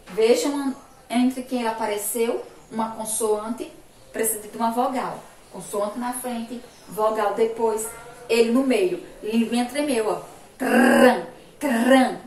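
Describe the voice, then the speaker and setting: A woman from Brazil teaching a phonics lesson to young children, speaking slowly and emphatically, repeating sounds and words. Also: on the high side, darkish tone. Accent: Brazilian Portuguese, Sergipe. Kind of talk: remote school phonics lesson. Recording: echoey room, distant mic, faint noise.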